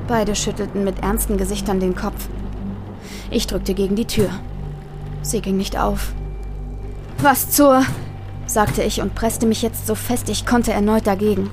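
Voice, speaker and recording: A woman's voice: medium pitch, little pitch movement, normal speed, over music. A woman reading a scripted horror story aloud, her voice tightening and rising as the tension builds. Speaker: narrator.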